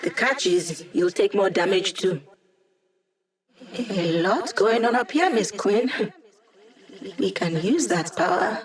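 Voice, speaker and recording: Video game support role: young female hacker living as data, wry, casual and teasing, upbeat, medium pitch. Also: animated, slow, long pauses, low-quality recording. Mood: wry, playful. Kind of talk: video game voice lines over comms.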